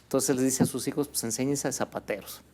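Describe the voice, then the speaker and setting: A man with a Mexican accent, a guest on an interview show, telling a family story in a relaxed way, with many fillers like "este" and "pues". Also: mid-range voice, fast, a little hiss or hum. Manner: relaxed, fills with "este" and "pues", ends phrases with "¿no?". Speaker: guest, birria restaurant owner.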